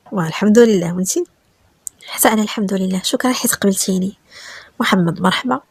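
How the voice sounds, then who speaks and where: Moroccan woman storyteller, brisk and steady, dry close-miked read. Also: mid-range voice, dry recording. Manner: brisk, steady narration with quoted chat lines read in turn. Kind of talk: reading a romance story aloud.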